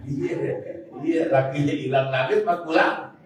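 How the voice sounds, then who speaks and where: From far off in a very echoey large mosque hall, with faint noise in the background, a man from Jakarta, Indonesia, preaches a joking sermon in a Betawi accent. His voice is fairly high and his pace unhurried, and he often turns to address the audience directly.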